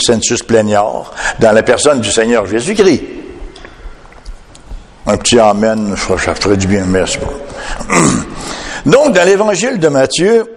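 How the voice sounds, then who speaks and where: A man's voice: medium pitch, big-room sound. A man preaching a sermon emphatically, often tagging his points with a questioning "hein?". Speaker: pastor.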